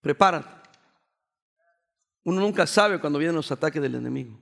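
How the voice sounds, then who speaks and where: A man's voice: on the high side, normal speed, gravelly. A male pastor delivering a sermon, telling stories with energy and dropping in English phrases. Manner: animated storytelling preacher, mixing in English phrases.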